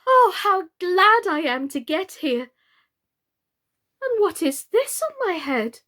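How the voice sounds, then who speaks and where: A woman performs a young storybook girl, polite and eager. The voice is pitched high and leaps around in a very animated way. The delivery is wide-eyed, expressive and excitable. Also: takes it slowly, full character voice. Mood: astonished.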